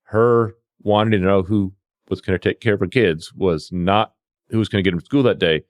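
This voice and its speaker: Deep-voiced and a little fast, this paramedic and CPR instructor swaps field anecdotes conversationally, acting out who said what. The audio is studio quality with no room sound.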